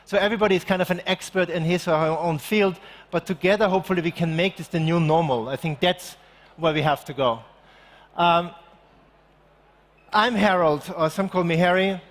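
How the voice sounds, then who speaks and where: A middle-aged man speaks at a festival in a high, earnest voice, pressing his point with urgency and restarting his sentences along the way. The sound rings with a long reverb from a large hall. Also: normal speed, fairly bright tone. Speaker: conference speaker. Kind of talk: conference talk.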